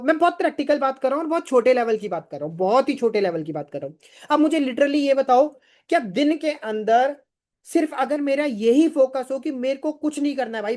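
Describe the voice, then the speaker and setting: A man's voice: extremely high pitch, darkish tone. A man running a live online sales training, emphatic and firing rhetorical questions, urging viewers to answer in the chat.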